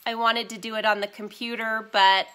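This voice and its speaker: A woman in her forties hosts a casual live stream from her phone at home. Her voice is bright and a bit high, with a stuffy, nasal tone from a sinus cold. She chats warmly with viewers, filling the gaps with ums and apologies as she reads comments. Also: level tone, moderate pace. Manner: chatty, apologetic, many ums and so's. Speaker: vintage shop owner hosting a live stream.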